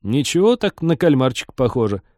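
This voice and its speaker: A man voicing a brash, tipsy young spaceship pilot who talks slangy and loud. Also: medium pitch, very animated, normal speed, no room sound, clean studio sound, pitched above the performer's own voice, lightly acted. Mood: boastful. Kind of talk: audiobook character voice.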